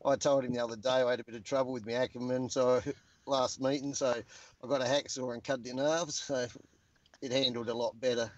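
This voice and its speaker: A man's voice: medium pitch, level tone, brisk, dry recording, lo-fi sound. A middle-aged man bantering crudely as a guest in a casual chat.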